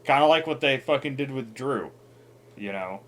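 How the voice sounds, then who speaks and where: A man's voice: mid-range voice, animated, normal speed, a bit bright. Blunt, swearing podcast man. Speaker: podcast co-host. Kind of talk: casual podcast chat.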